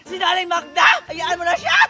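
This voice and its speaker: A woman's voice: extremely high pitch, sing-song, moderate pace. A woman playing a boastful, greedy little girl who whines and demands gifts. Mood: bratty. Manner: whiny, bratty, demanding. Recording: loud background music.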